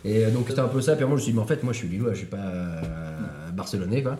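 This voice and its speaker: A man's voice: fairly low pitch, racing, a crowd in the background. A man in his thirties from France, a podcast guest chatting casually and hesitantly, with many fillers and restarts. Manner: hesitant, full of "euh" and restarts. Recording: echoey room.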